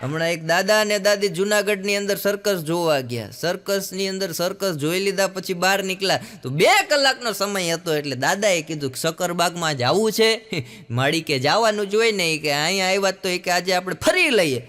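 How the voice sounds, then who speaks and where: Stand-up comic, male, high bright voice, acts out the people in his jokes. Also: animated, moderate pace. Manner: acts out characters' quoted lines in raised voices. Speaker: stand-up comedian. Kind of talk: stand-up joke telling.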